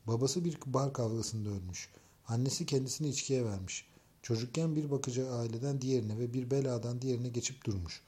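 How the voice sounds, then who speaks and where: A man reading a novel aloud in scripted first-person narration, with an even, measured delivery. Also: mid-range voice. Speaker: audiobook narrator.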